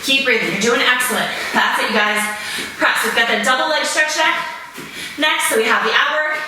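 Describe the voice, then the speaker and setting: Female fitness coach, high-pitched, encouraging rhythmic cues, recorded from across a very echoey room. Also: moderate pace, sharp tone. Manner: encouraging, rhythmic short commands like a swim coach. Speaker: fitness instructor leading a home interval workout. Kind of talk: exercise class coaching, cueing moves. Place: small home gym room, indoors. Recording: very roomy echo, distant mic, faint noise.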